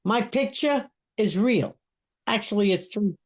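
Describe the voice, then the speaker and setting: Speaking at a measured pace with lively intonation, this woman has a medium-pitched, slightly rough voice. A thick-accented Brooklynite in her seventies, she's an outspoken live stream guest in casual chat who gets heated and keeps repeating points.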